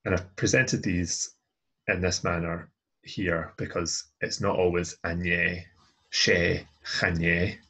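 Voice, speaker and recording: A deep-voiced man walks through grammar points like a language tutor. His voice is gravelly and husky, and he talks patiently, often pausing and restarting as he goes. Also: steady tone, sharp tone. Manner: patient, methodical, with many "um" and restarts. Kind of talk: explaining grammar over slides.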